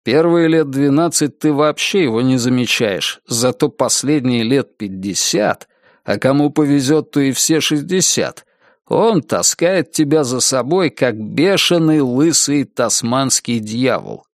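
A man reading a dark novel aloud as narrator, with wry, sardonic asides. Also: mid-range voice, unhurried, no echo, clean studio sound. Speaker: audiobook narrator. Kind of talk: scripted narration.

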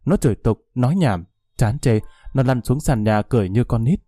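A man narrating a dramatic story in a measured way. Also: mid-range voice, expressive, warm tone, dry recording, studio quality.

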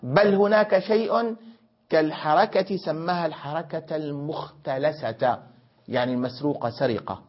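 A man's voice: on the high side, moderate pace. A man teaching a grammar lesson, questioning his students and correcting them, explaining by repeating and rephrasing points. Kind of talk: classroom lesson. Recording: dull lo-fi classroom recording.

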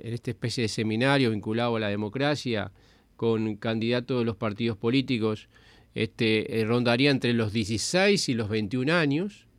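A man with a Uruguayan Spanish accent delivering a radio news report, measured and hesitant. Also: mid-range voice, smooth, no echo. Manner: measured, with frequent hesitation fillers.

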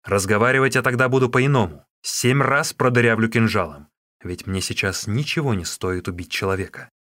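A male reader voicing a fierce, vengeful young warrior who threatens loudly and forcefully. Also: fairly low pitch, fairly quick, no room sound, studio quality, lightly acted. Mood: grim.

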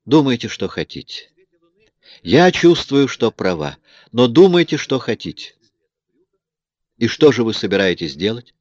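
A man voicing a selfish, angry young woman with a sharp, reproachful way of talking. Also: mid-range voice, sing-song, a little slow, pauses often, dry recording, pitched above the performer's own voice. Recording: dull lo-fi audiobook recording.

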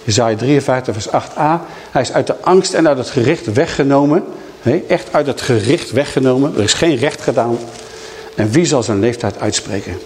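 A man preaching a Bible teaching, telling the story in a lively way and voicing the people in it. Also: medium pitch, moderate pace, a little hiss or hum. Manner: lively storytelling, acting out quoted speakers. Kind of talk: sermon teaching.

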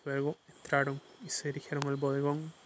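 A man reading a story aloud in an even, measured way. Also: mid-range voice, a little hiss or hum. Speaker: narrator.

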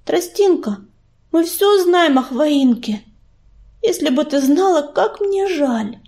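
A woman's voice: high-pitched, expressive, slow pace, warm tone, exaggerated voice. A woman voicing an earnest young female cat from a storybook who speaks in a pleading way.

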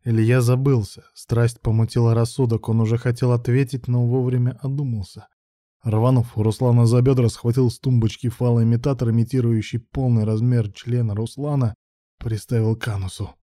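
A man narrating a story as an audiobook in a steady, even reading. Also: medium pitch, normal speed, no echo, studio quality.

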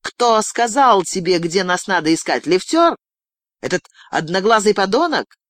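Woman doing a sadistic young gangster girl, mocking, menacing, higher and louder, dry audiobook sound. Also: big pitch swings, a little slow, dry recording.

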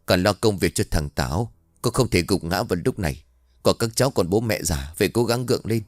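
A man voicing a steady older village man giving firm instructions. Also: lowish voice, brisk, dry recording, clean studio sound.

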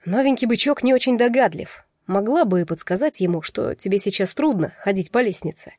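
A woman's voice: medium pitch, expressive, a little fast, darkish tone, no echo, clean studio sound, lightly acted. A woman reading a curt, sneering young man. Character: cold scornful young man nicknamed snake. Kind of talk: audiobook character reading.

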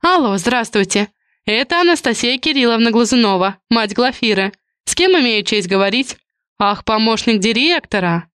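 An imperious middle-aged mother, voiced by a woman narrator in an audiobook. She speaks formally and bossily, a little above the reader's normal pitch. The recording is dry. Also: animated, moderate pace, fairly bright tone, clean tone, no room sound. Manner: bossy, formal.

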